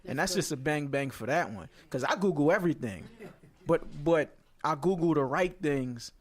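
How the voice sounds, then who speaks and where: A man's voice: fairly high pitch, lively intonation, moderate pace. A man co-hosting a panel discussion, talking in a casual, conversational way with some swearing. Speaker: co-host.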